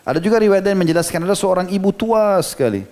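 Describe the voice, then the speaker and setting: A man's voice: high-pitched, animated, fast talker, darkish tone. A man from Indonesia preaching a storytelling sermon, explaining each quote in plain everyday words and tossing in frequent casual asides. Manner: conversational, drops in frequent "ya" and "gitu" asides. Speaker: Islamic preacher.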